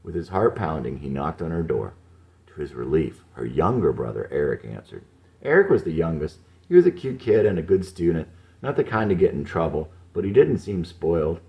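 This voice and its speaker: A man narrating an audiobook novel with an expressive, varied delivery. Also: rumbling low, normal speed, highs cut off.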